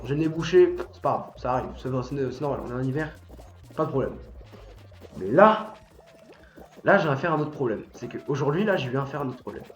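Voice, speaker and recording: Young guy streaming w a stuffy cold nose, rambles and restarts, kinda high voice, roomy echo. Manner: rambling, repeats and restarts words. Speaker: gaming streamer. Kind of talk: casual chat while streaming a game.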